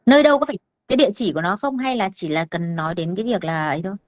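A woman's voice: mid-range voice, very fast, no room sound, dull audio. A woman from Vietnam with a Vietnamese accent, speaking English hesitantly with many fillers as an adult learner. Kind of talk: halting practice conversation.

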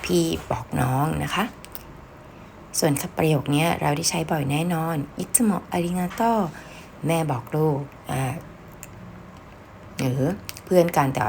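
A woman's voice: deep voice, a little slow, gravelly, long pauses, a little mellow, slight background noise. A Thai woman teaching everyday spoken Japanese in a casual lesson, patiently explaining and modeling example phrases.

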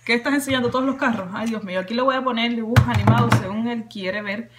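A woman's voice: a little high, fast, very noisy. A young woman chatting casually to camera in a vlog, filmed on a phone held close in a small room at home. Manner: chatty, animated, talks to a small child. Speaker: vlogger. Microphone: phone camera close to her face.

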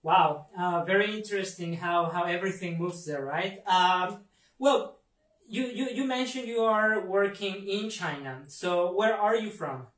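A man hosting an interview, asking formal questions in a halting way and repeating words. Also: high voice, fairly bright tone, far from the mic. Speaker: host, interviewer. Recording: echoey room, away from the mic.

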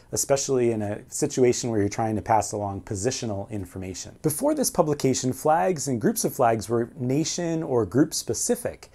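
A male teacher with a mellow, mid-range voice explains things clearly and methodically, with the odd filler, in an educational explainer video. He's in an indoor room in front of a whiteboard and a framed ship painting, recorded by a camera at medium distance.

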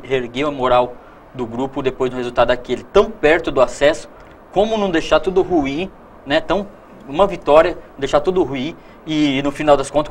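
A man's voice: mid-range voice, a little hiss or hum. A young man hosting a TV sports show, putting long, loosely built questions to his guests in a studio. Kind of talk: studio TV interview. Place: TV studio set.

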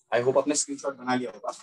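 A man's voice: mid-range voice, bright, forceful tone, husky, poor audio. A man teaching a physics lesson in Hindi mixed with English, repeating points and checking that students follow. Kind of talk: classroom lecture mixing Hindi and English.

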